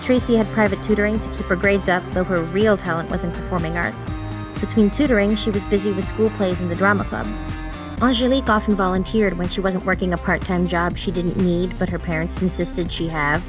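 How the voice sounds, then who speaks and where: Expressive woman narrating a story over music. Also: fairly low pitch, brisk. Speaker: audiobook narrator.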